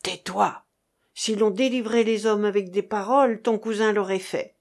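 A woman's voice: medium pitch, fairly even intonation, normal speed, natural voice. A woman reading an audiobook, voicing a stern, commanding cloaked man who gives terse orders.

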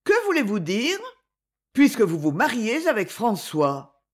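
Woman doing a young girl in love, tender, pleading, raised voice, lively pitch. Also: unhurried, exaggerated voice. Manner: pleading, emotional.

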